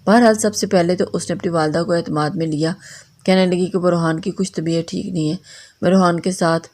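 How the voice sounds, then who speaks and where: A woman reading a romance novel aloud as narrator, steady with small slips and restarts. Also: on the low side.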